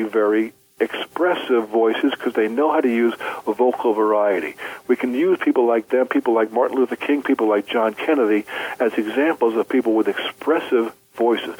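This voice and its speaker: Husky guy, middle-aged, coaching on speeches, earnest and stresses his key words. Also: mid-range voice, a little mellow, low-quality recording. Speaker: public speaking coach. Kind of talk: explanatory interview answer.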